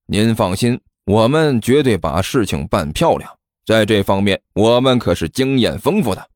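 A man's voice: lively intonation, normal speed, darkish tone, dry recording, studio quality, close to an everyday voice. A man voicing a greedy hired thug on the phone who fawns over his paying client. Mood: fawning. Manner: ingratiating, low, eager to please.

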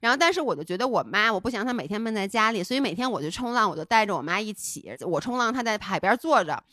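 A woman's voice: mid-range voice, expressive, fast, bright, forceful tone, dry recording, clean studio sound. A woman co-hosting a podcast, telling a personal story in a candid, rambling, heartfelt way. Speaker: podcast co-host.

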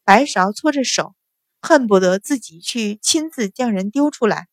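A woman narrating a novel in a steady storytelling voice. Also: a little high, moderate pace, dry recording, studio quality. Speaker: audiobook narrator.

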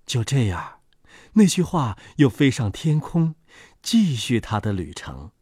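Slow, expressive children's storyteller. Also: medium pitch, breathy edge, no room sound, studio quality.

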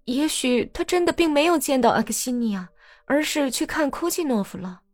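A woman's voice: sits high, expressive, pitched above the performer's own voice. Woman doing Darya, brash mocking peasant woman. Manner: brash, teasing, quick-tongued.

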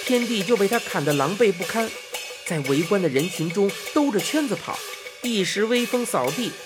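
A woman's voice: medium pitch, lively intonation, normal speed, loud music behind the voice. A woman narrating a children's fantasy story expressively, voicing sound effects.

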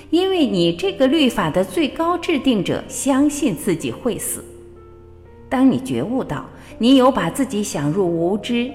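A woman radio host giving a measured, expressive spiritual reading with storytelling. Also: mid-range voice. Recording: long reverb with faint background music. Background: faint music.

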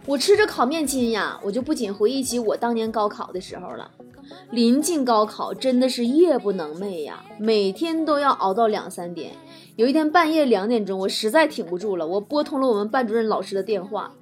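A woman talk show host delivers wisecracks in a teasing, punchy way. Her voice is fairly high and very animated. Music plays behind her. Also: brisk. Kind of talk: comic monologue reading listener messages.

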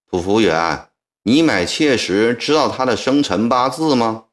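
A male storyteller voicing a stern elderly Qing viceroy who questions people in a measured, low, gentle way. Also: lively intonation, natural voice. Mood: grave, coaxing.

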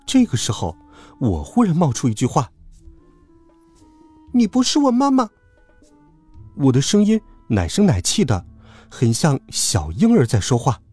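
Guy reading a kids story, super animated, soft husky tone, faint music. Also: medium pitch, moderate pace. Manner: lively, animated. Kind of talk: expressive children's story narration. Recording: dry close recording with faint music.

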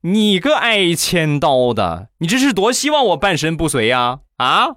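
A man voicing his sharp-tongued young wife in a comic sketch, mocking and scolding in a raised, shrill voice. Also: sing-song, moderate pace, a little hiss or hum. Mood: furious.

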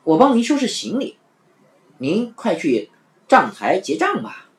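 A woman's voice: medium pitch, wildly swooping pitch, unhurried, voice pushed up. A woman voicing a nervous young male waiter at an inn, given to startled exclamations. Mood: alarmed. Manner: jumpy, exclaiming.

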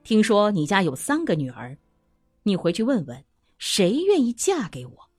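Woman narrator voicing a kind, magical snake suitor, slow and measured, for a storybook. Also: medium pitch, huge pitch swings, darkish tone, husky, faint music behind. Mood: calm.

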